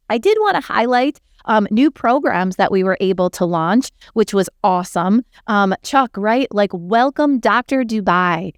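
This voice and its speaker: A woman's voice: mid-range voice, clean tone, dry recording, clean studio sound. A woman hosting a hospital's internal video show, giving an upbeat, enthusiastic update with frequent fillers. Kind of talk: casual organizational update.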